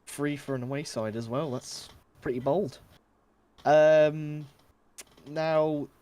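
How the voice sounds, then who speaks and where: A man hosting a casual football predictions chat, measured and a little hesitant with fillers. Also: fairly high pitch, flat delivery, warm tone.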